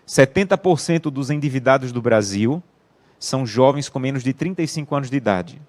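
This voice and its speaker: A man's voice: mid-range voice, lively intonation, a little fast, a little mellow. A man preaching an earnest sermon and telling personal family stories. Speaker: pastor.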